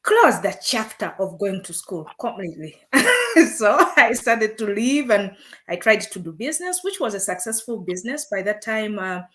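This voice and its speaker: A woman's voice: medium pitch, animated, normal speed, a bit bright. Friendly Ugandan woman as guest. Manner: friendly, laughs between phrases. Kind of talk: interview answers.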